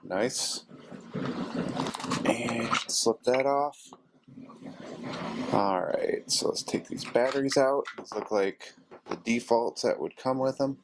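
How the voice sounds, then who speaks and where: A middle-aged man hosting a DIY repair vlog gives a casual, unassuming hands-on tutorial, thinking aloud as he works. His medium-pitched voice is slow with frequent pauses, and a 3D printer runs steadily in the background.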